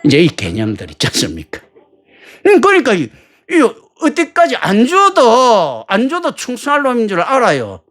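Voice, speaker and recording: A man's voice: very high-pitched, huge pitch swings, normal speed, a bit bright. A male pastor preaching a sermon in a colloquial, joking way, full of rhetorical questions.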